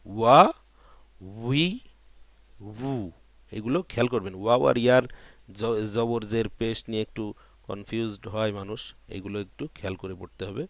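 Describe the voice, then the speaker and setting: A man's voice: lowish voice, no room sound. A man teaching Quran letter pronunciation, patiently drilling syllables one by one and answering his own questions. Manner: drills syllables one by one, repeating and drawing them out; asks questions and answers them himself. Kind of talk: patient step-by-step pronunciation lesson.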